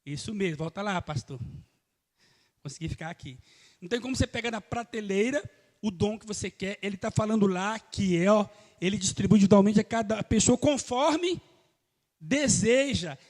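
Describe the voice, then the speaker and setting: Pastor guy preaching hard to the church, high voice, lots of hall reverb. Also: moderate pace, darkish tone. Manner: emphatic, calls out to the congregation. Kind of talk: live church sermon.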